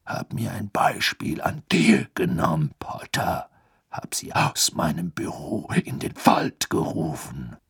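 A man voicing a gruff, weary old male wizard in an audiobook, speaking in a low, hushed growl. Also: very animated, takes it slowly, whispered, full character voice.

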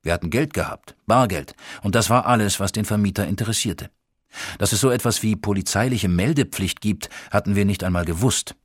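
Low, husky male audiobook narrator. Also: brisk, dry recording, clean studio sound. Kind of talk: first-person audiobook narration.

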